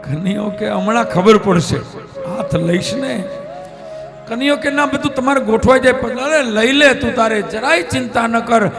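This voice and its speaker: A high, lively male voice from tells a devotional story as a sermon, throwing himself into each character's lines and then dropping to a near hush. Long hall reverb rings around him. Devotional music plays clearly underneath. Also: moderate pace. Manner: lively, acts out characters' lines with dramatic shifts from loud to hushed. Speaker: Bhagavata katha storyteller.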